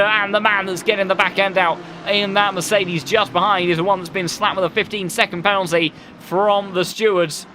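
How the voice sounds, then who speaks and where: A man's voice: high-pitched, bright, forceful tone, slight background noise. A man commentating live on a motor race as a motorsport commentator, with flowing, descriptive play-by-play and colourful turns of phrase.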